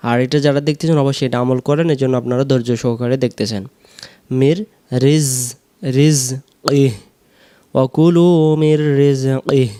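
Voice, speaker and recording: A man teaching Quran recitation, slowly drawing out the verses and then explaining each sound quickly. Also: mid-range voice, mellow, clear, resonant tone. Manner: slow drawn-out recitation alternating with quick explanations.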